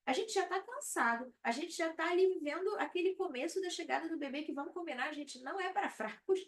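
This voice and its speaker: A woman's voice: very high-pitched, expressive, quick pace. A woman, a baby sleep consultant talking to viewers on a live stream in a conversational way, often checking in with "tá?". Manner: conversational, frequent "tá?" check-ins. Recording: slightly distant mic with faint background noise.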